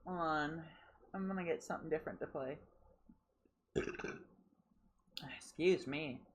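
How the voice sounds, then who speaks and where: A woman's voice: sits low, a little slow, slight background noise. A woman streamer chatting casually to herself while gaming, sleepy and sighing often. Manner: drowsy, sighing, talking to herself.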